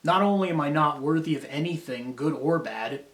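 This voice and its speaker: A man's voice: fairly high pitch, normal speed, a bit bright. A man delivering a rambling, profane, self-critical monologue, drifting between grudges and philosophy. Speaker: vlogger. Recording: roomy echo.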